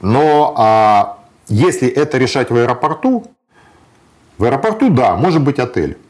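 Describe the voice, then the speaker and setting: Very animated and a little mellow, this medium-pitched male voice keeps to a normal speed. The speaker is an interview guest matter-of-factly passing on practical travel advice from his own experience, with lots of hesitation sounds in a conversational exchange.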